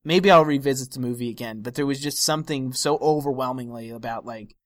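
A man's voice: medium pitch, brisk, no echo. A man co-hosting a film podcast in casual chat, often trailing off and searching for the right words. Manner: hesitant, searching for words, stretched-out phrases.

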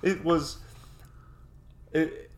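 A man in his forties co-hosting a podcast, chatting casually and nostalgically with frequent restarts. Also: extremely slow. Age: 40s. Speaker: podcast co-host. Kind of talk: casual chat.

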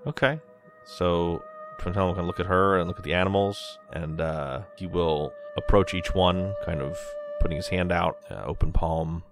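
Low creaky guy playing a tabletop rpg, casual, kinda hesitant, thinking out loud, dry sound. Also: steady tone, moderate pace, over music. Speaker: tabletop game player. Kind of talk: casual talk about a role-playing game.

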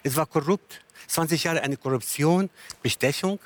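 A man's voice: a little high, normal speed. A man arguing as a guest in a televised panel debate, who often stumbles over his words and restarts, and cuts in bluntly.

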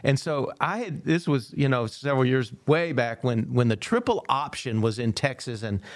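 A middle-aged man tells a story in an animated way, acting out the voices of the people in it and laughing often. His voice sits at an ordinary pitch for a man. The sound is dry and close, with no room echo. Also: normal speed. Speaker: speaker and former football coach. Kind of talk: storytelling in a podcast conversation.

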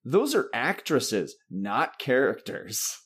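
A man hosting a podcast in casual chat, animated, laughing often and swearing freely. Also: medium pitch, takes it slowly, breathy edge. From Massachusetts. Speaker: podcast host.

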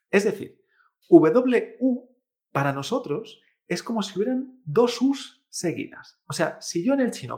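A man from teaching pronunciation, patiently repeating each sound aloud and checking in with listeners after every example. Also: a little high. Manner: patient, demonstrates sounds by repeating them, frequent "¿eh?" tags. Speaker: Chinese language teacher. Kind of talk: pronunciation lesson.

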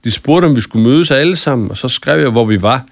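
A man's voice: mid-range voice, lively intonation, gravelly, pitched above the performer's own voice. A man voicing an upset schoolboy who begs and explains himself desperately. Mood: explaining. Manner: desperate, shamefaced pleading. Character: upset panicky schoolboy pleading.

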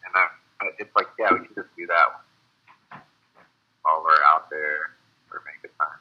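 A man, a band member joining as a guest, chatting in an easygoing, halting way. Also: very deep voice, fairly even intonation, phone-quality sound. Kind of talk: casual chat.

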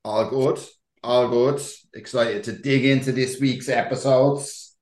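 A man's voice: mid-range voice, fairly even intonation, slow pace, a little mellow. An Irish-accented man hosting a podcast, chatting casually with emphatic, sweary exaggeration. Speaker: podcast host. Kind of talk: casual gossip chat. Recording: roomy, echoey sound.

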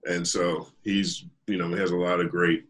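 A man's voice: low voice, flat delivery, moderate pace, fairly bright tone. A man guest on a podcast, chatting casually and animatedly, laughing often and thinking aloud with fillers. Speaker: podcast guest, hip hop journalist.

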